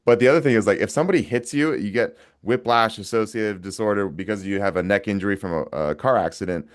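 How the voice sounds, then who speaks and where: Emphatic low-voiced man, casual talk. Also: quick pace. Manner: energetic, emphatic, swears casually. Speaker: guest. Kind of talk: casual conversation.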